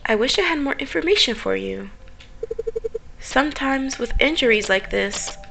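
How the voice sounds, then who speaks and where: A woman reading the lines of a kind, modest male doctor in a visual novel, gentle and reassuring. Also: high-pitched, lively intonation, normal speed, gravelly, background noise. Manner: gentle and reassuring, read aloud plainly.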